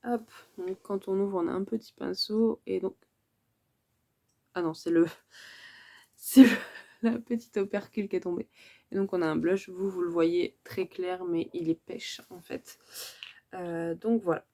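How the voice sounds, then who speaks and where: A woman's voice: lowish voice, fairly even intonation, unhurried, vocal fry, pauses often, dark tone. A woman chatting through a casual beauty unboxing vlog, hesitant and chatty with many fillers and self-corrections. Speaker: beauty vlogger.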